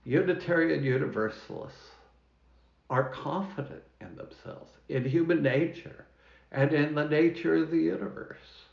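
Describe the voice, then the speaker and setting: A man who is a minister, preaching a sermon in a church, telling a story in a measured way with dramatic pauses, with a New Zealand accent. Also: a little high, expressive, creaky. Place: church hall. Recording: roomy, dull church recording.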